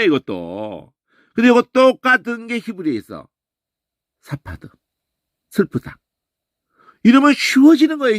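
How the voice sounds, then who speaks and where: A man teaching a Bible lesson in an animated way, often tossing in a questioning "eh?" and imitating sounds. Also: sits high, dry recording, clean studio sound. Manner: animated, keeps asking "eh?" and mimics voices and sounds.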